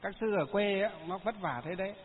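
High-voiced monk, tinny hall. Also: male voice, a little fast, slight background noise. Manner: folksy, chatty storytelling with frequent fillers. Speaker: Buddhist monk. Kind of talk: Dharma talk with anecdotes. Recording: tinny phone-like sound in a long-reverb hall.

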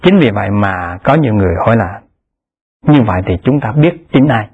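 Man, Buddhist dharma talk, measured teaching cadence, husky voice, tinny phone-like sound. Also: fairly low pitch, lively intonation. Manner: measured, repetitive teaching cadence, rising emphasis on key terms. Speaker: Pure Land Buddhist teacher.

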